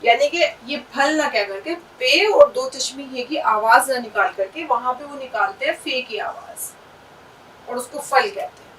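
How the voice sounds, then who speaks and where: A woman's voice: sits high, a bit bright, recorded from a distance, a little hiss or hum, rough recording. A woman teaching an Urdu lesson, patiently sounding out letters and words and checking in with her listeners. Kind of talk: language lesson.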